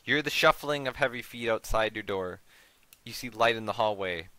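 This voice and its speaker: A man playing a story game, reading its text in a measured voice and breaking off for swearing asides. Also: fairly low pitch, sharp tone, dry recording, low-quality recording. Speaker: gaming channel host. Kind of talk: reading game text aloud with cursing commentary.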